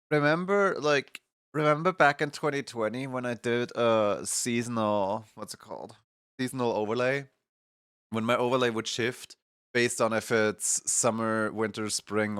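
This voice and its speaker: A man's voice: medium pitch, fairly even intonation, measured pace, fairly bright tone, clean tone, no echo, studio quality. A man streaming live, chatting casually with his viewers in a stuffy morning voice, rambling and laughing often. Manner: rambling, laughs often, greets chat members by name. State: congested morning voice.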